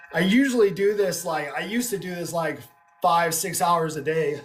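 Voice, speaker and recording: A man with a slightly high voice talks loosely to his chat on a livestream through a headset mic, in poor audio. While leading breathwork, he rambles, restarts often, and says "like" a lot.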